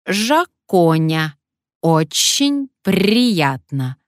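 A woman voicing a cheeky, pushy old male parrot with a hoarse, croaking, drawn-out voice, in an audiobook story. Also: lowish voice, sing-song, no room sound, clean studio sound, full character voice.

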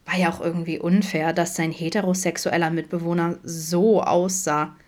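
A woman narrating fan fiction as an audiobook in a calm, measured way. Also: fairly low pitch. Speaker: audiobook reader.

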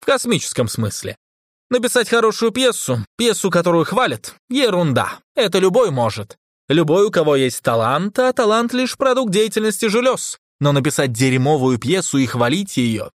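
Brash young playwright read by a man, lively and cocky, dry sound. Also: high-pitched, moderate pace, no echo, voice pushed up.

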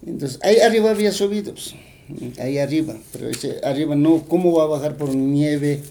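A man's voice: a little high, fairly quick, mellow. Rambling Bolivian storyteller man. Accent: Bolivian Spanish. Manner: rambling, with frequent fillers and tag questions. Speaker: interviewee. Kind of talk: retelling a folk tale.

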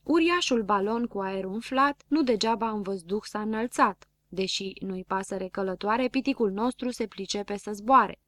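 A woman's voice: medium pitch, dry recording, natural voice. A woman voicing a dreamy, theatrical male dwarf poet who declaims in a children's storybook. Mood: reciting. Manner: grandly declaiming.

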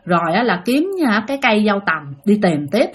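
A woman's voice: mid-range voice, big pitch swings, fairly quick, breathy edge. A woman with a Southern Vietnamese accent telling a ghost story, chatty and speaking straight to her listeners. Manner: chatty, addresses listeners directly.

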